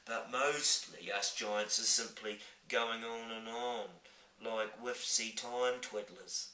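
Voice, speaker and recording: A man voicing a very old, gentle male giant who mangles his grammar and invents words, speaking slowly. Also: lowish voice, fairly even intonation. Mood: earnest. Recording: roomy, from a distant mic.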